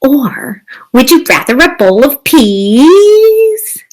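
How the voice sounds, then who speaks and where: A woman's voice: high-pitched, sing-song, extremely slow, darkish tone, voice pushed up, exaggerated voice. A woman reading aloud and voicing a cheerful piranha who keeps offering fruit to his friends. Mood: coaxing. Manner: upbeat, coaxing.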